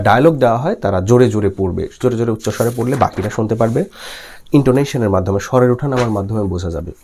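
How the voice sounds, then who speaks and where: This is a young man from Bangladesh giving a recorded lecture, his voice rising and falling in a lively way. He reads out English lines at a slow, deliberate pace and then explains them again. He keeps asking his listeners questions and answering them himself. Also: medium pitch. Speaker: teacher. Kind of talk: recorded exam-prep lecture.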